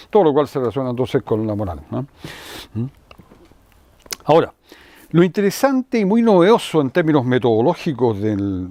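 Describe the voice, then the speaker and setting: An older man giving a university philosophy lecture, digressive and full of tag questions and fillers, clearing his throat now and then. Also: medium pitch, warm tone, dry recording. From Chile.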